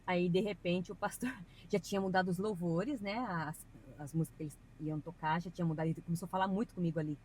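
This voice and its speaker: A woman's voice: fairly low pitch, steady tone, quick pace, darkish tone, a little hiss or hum, low-quality recording. A woman guest on a podcast, talking earnestly and at length about her faith in a casual, chatty way with preachy asides. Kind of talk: casual testimony.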